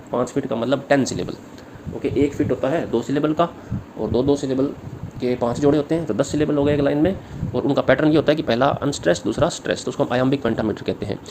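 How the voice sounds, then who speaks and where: Male teacher going over exam notes, reads english lines real slow then explains in hindi, bit of hiss behind. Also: mid-range voice, darkish tone. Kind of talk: exam-prep literature lecture. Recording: faint background noise.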